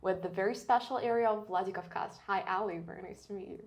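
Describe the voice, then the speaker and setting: A woman's voice: medium pitch, fast talker. A woman hosting an interview, who keeps the guest talking with friendly prompts and frequent "mm-hmm"s. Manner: encouraging, frequent "mm-hmm" affirmations. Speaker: interview host.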